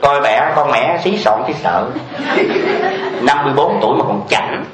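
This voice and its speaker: A man voicing a chatty, catty middle-aged woman who gossips in a fast, confiding way. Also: high-pitched, animated, echoey room, over a noisy crowd.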